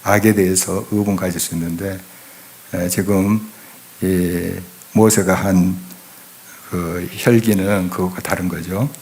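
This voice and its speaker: A man's voice: low voice, fairly even intonation, takes it slowly, a little mellow. A middle-aged man preaching an expository sermon in church, emphatic and full of rhetorical questions to the congregation. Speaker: pastor. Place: church sanctuary.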